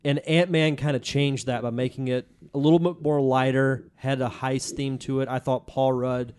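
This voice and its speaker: A man with a middling pitch talks as a podcast panelist. He is conversational, offering and explaining his own opinions about films. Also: fairly even intonation, normal speed, a little mellow, smooth. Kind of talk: casual film discussion.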